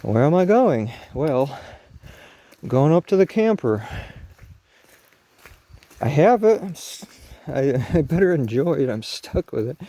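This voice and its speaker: A man's voice: a little high, dark tone. A man vlogging casually outdoors at night near a camper, rambling and correcting himself as he goes.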